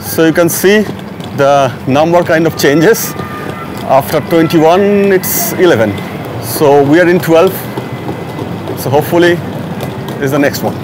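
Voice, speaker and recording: A man's voice: fairly high pitch, a little slow, pauses often. A man on a travel vlog who explains each step of a train trip to viewers as he goes. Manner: strains and groans while lifting heavy bags. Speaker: travel vlogger. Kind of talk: casual travel vlog narration. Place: outdoors, in a car and at a train station. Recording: loud street and traffic noise.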